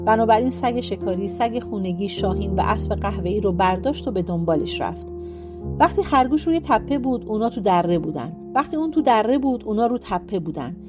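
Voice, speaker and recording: A woman reading a folktale aloud in a calm, even storybook narration. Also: mid-range voice, over music. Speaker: audiobook reader.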